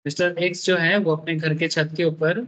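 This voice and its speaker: A man's voice: fairly high pitch, flat delivery, normal speed, a bit bright. A man teaching a tax class, playfully quizzing his students with repeated questions as he draws on a board. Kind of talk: classroom lecture with drawing. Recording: dull lo-fi recording.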